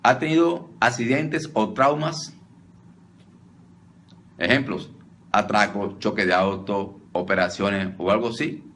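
Man, low voice, deliverance preacher, casual teaching tone, repeats words and restarts, faint background hiss. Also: takes it slowly, long pauses, fairly bright tone. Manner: repetitive, addresses listeners as brother, frequent restarts. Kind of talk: conversational teaching at a conference.

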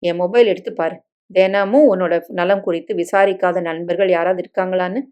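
A woman voicing a devoted young husband in a dramatic story reading, soft and coaxing in manner. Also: on the low side, fairly even intonation, a little fast, clean tone, highs cut off, natural voice.

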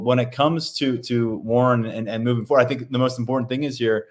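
A man co-hosting a sports podcast as a beat reporter, steadily relaying what players told him after the game. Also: lowish voice. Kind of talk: casual sports podcast analysis.

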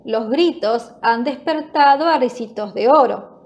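A woman narrating a children's storybook in a slow, clear, gentle storytelling manner. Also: fairly high pitch, dull audio.

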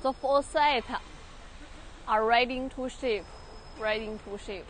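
A young Chinese woman touring a large factory workshop in halting English with a Chinese accent, repeating words and using many fillers, filmed on a handheld phone. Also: fairly high pitch, slight background noise. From China. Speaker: factory tour guide. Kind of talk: live factory tour walkthrough. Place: large industrial workshop and outdoor factory yard.

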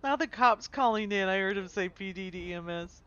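A woman's voice: mid-range voice, a little fast, fairly bright tone, muffled recording, close to an everyday voice. A woman playing a heavyset, self-mocking woman in a role-play game, giggly and breathless as she jokes. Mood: amused.

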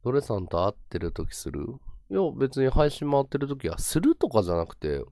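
A man casually chatting with his viewers on a livestream, with rough slangy talk that swings between excited bursts and low mumbled asides. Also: brisk, no room sound, clean studio sound. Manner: rough slangy talk, repeats words for emphasis. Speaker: live streamer.

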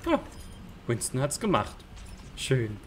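Woman streamer, extremely low voice, deadpan, faint room noise. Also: slow pace. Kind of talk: casual gaming stream chat.

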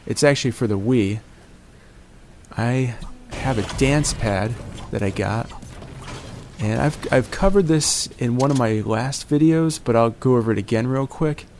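A forties-aged man gives jokey gameplay commentary, morning-DJ style, calling his audience "my friends" and "baby" while straying onto tangents. He has a mid-range, darkish voice, and slight background noise is present.

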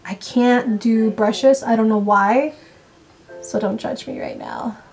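A young woman chatting excitedly and quickly through a casual makeup vlog at home. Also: fairly high pitch, faint music behind. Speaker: vlogger.

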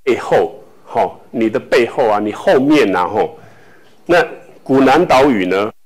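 A man from Taiwan teaching a language class, speaking slowly with many filler tags and repeating words for students to echo. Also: medium pitch, lively intonation. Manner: filler-heavy speech with frequent "hou" tags.

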